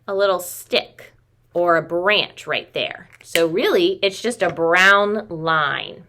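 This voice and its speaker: This woman's voice sits on the low side, gravelly, pushed and bright. She's a preschool teacher in her thirties leading young children through a craft at home in a small room, using simple, child-directed words and treating them as friends.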